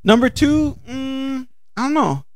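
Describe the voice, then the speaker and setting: High, creaky-voiced man chatting. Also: animated, slow pace, no room sound, clean studio sound. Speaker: comedy panelist. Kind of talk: casual chat, joking banter. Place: living room, indoors. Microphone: handheld microphone.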